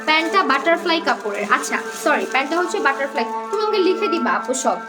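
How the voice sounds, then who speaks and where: A woman's voice: high voice, animated, fast talker, loud music behind the voice. A woman hosting a live clothing sale, chatting casually, reading out viewers' comments and names, and slipping English words into her talk. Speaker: online clothing seller on a live stream. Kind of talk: casual live-stream sales chat.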